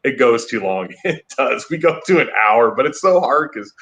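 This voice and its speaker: A man's voice: medium pitch, sing-song, moderate pace, a bit bright. A man hosting a podcast, enthusiastic and chuckling between remarks, heard over a video call. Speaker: podcast host. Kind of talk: casual interview chat.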